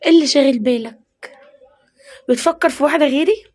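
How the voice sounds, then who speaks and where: A woman's voice: high voice, quick pace, a little mellow. A young woman with an Egyptian accent playing a wife in a comedy sketch, making whiny, pleading demands. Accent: Egyptian Arabic.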